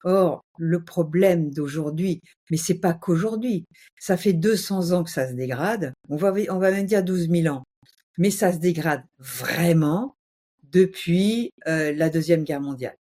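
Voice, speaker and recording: A woman's voice: fairly low pitch, measured pace, mellow. A woman speaking as a guest, explaining passionately in a casual, emphatic way with vivid exaggeration.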